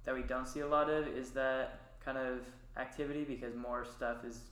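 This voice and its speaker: A man speaking hesitantly in a casual group discussion, with many "um"s and pauses. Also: mid-range voice, level tone, fairly bright tone. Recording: echoey room.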